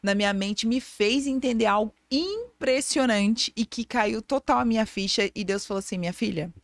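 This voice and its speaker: A woman's voice: a little high, moderate pace, dry recording, clean studio sound. A woman with a Brazilian accent, a podcast guest who mentors people on image and communication, talking in an emphatic, preacher-like storytelling way. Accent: Brazilian Portuguese. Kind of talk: lively podcast conversation. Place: podcast studio.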